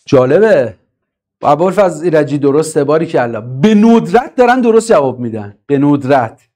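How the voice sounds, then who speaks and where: A man teaching English grammar in a live online class, reading and answering the chat and driving his points home with emphatic repetition. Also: on the high side. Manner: lively, emphatic, repeats key points.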